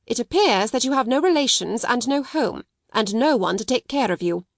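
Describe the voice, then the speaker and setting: Woman doing a sharp, domineering headmistress. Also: a little high, lively intonation, moderate pace, dry recording, studio quality, voice pushed up. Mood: scornful. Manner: cold, sharp, scolding. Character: stern domineering headmistress, middle-aged woman. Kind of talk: audiobook character reading.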